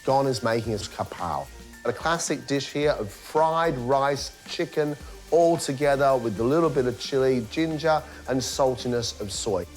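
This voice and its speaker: A man with a British accent, a cooking competition judge, giving measured, emphatic voice-over commentary on the dishes. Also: mid-range voice, faint music behind.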